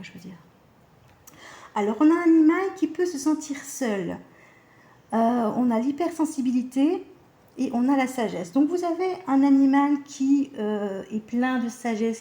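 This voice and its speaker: Woman, casual card reader, mellow voice, echoey room, hesitant and chatty. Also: a little high. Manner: chatty, hesitant, many fillers and self-corrections. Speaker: animal communication card reader. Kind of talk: casual card-reading guidance.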